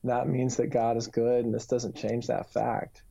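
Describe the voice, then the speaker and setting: A man's voice: mid-range voice, flat delivery, a little slow, creaky, mellow, slightly rough. A man in his thirties gives an earnest, reflective personal testimony in an interview, with frequent fillers. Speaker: author and youth minister. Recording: dull lo-fi recording.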